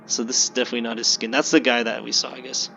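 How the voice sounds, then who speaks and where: Bright-voiced man, casual gameplay host. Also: medium pitch, vocal fry, faint music behind. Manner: relaxed, halting, with restarts he calls stuttering. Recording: slightly dull lo-fi recording.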